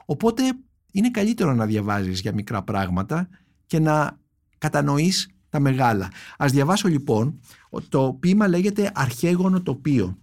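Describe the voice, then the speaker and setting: A man reading a translated poem aloud in a measured, reflective way, then recommending books on his podcast with many thoughtful pauses and fillers. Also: a little high, sing-song, darkish tone. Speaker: podcast host, book critic.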